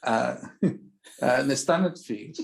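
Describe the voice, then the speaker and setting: A man's voice: medium pitch, expressive, slow, gravelly. Afrikaans South African man, casual and hesitant. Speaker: interview guest, musician. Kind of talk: casual chat. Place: remote video call.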